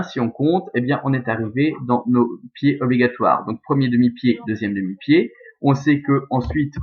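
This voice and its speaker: Belgian-accented male Latin teacher, measured and methodical, mid-pitched, thin phone-like sound. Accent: Belgian French. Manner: methodical, counts aloud, corrects himself with "pardon". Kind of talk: explaining verse scansion step by step. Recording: phone-like narrow band.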